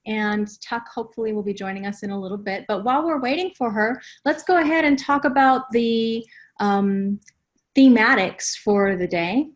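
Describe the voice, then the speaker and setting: A woman hosting a live online business show, upbeat and quick to laugh. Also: on the high side. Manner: upbeat, laughs often, stumbles on names. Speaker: host. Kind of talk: casual live webinar chat.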